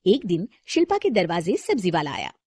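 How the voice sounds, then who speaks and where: A woman narrating a moral storybook tale in a soft, calm voice. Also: lowish voice, fairly quick, husky, no echo.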